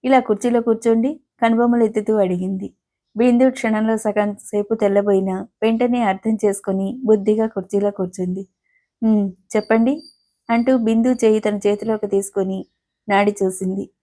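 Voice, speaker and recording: A woman narrating an audio novel in a steady, unhurried storytelling manner. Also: mid-range voice.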